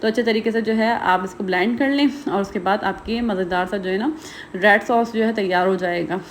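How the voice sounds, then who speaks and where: A woman from Pakistan narrates a home recipe in a rapid, chatty manner, often using filler phrases. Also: medium pitch, slight background noise. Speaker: cooking vlogger.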